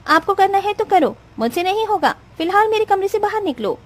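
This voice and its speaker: A woman's voice: extremely high pitch, expressive, normal speed, darkish tone, voice pushed up. A woman voicing a spoiled, selfish rich young bride in a cartoon story, talking in a demanding, scolding way. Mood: furious.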